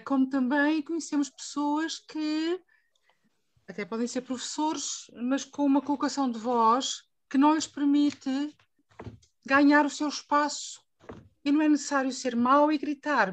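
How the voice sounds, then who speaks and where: Woman voice teacher from Portugal with a European Portuguese accent, moderating a panel. Expressive, questions the group, sits a little high. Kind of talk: panel discussion.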